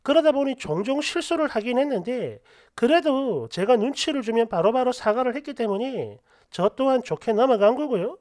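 A woman narrating online posts and their comments for a story channel, expressive and quick with sharp asides. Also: on the high side, no room sound, studio quality.

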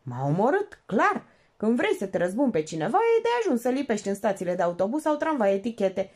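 A woman reading an audiobook, voicing an excitable, sarcastic woman sleuth who talks in quick, mocking exclamations. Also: mid-range voice. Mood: exasperated.

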